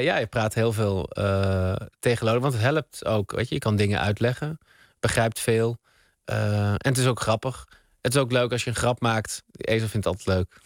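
A man, a guest on a radio interview, telling a rambling story in a relaxed, meandering way with many fillers, at a studio microphone. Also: mid-range voice, dry recording. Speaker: guest, spoken word artist.

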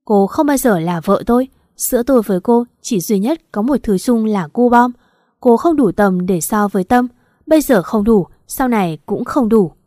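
A woman's voice: on the high side, moderate pace, mellow, no echo, studio quality, close to an everyday voice. Woman doing a cold, furious husband. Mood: angry. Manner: harsh and scolding.

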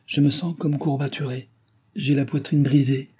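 A man voicing an innocent, bewildered young noblewoman in an audiobook, speaking gently and candidly. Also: mid-range voice, steady tone, moderate pace, slightly rough, voice pushed up. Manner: gentle, candid, wondering questions.

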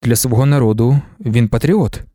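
A man's voice: medium pitch, normal speed, dark tone, no room sound, studio quality, pitched below the performer's own voice, close to an everyday voice. A man voicing a loyal, worried male guard commander in an audiobook, asking earnest and respectful questions. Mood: concerned. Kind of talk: audiobook character voice.

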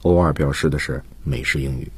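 A man's voice: extremely low pitch, fairly quick, darkish tone, breathy edge, no echo. A male English teacher on a radio lesson, patiently explaining grammar and vocabulary and dropping English terms into his talk, in a studio. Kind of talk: explanatory lecture.

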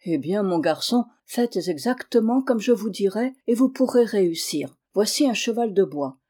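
A woman doing a gentle, wise old man. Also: medium pitch, animated, moderate pace, husky. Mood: kindly.

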